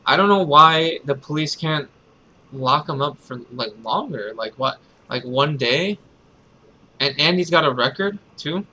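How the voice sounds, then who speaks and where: Streamer guy, bright voice, rambling let's-play talk. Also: a little high, animated, unhurried, a little hiss or hum, rough recording. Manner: hesitant, rambling. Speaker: game streamer. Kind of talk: casual let's-play commentary.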